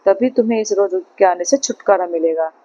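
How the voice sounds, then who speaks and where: A woman voicing a calm, polite young lad in a storybook tale who gives plain advice, on a slightly muffled recording. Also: mid-range voice, brisk, no room sound, lightly acted.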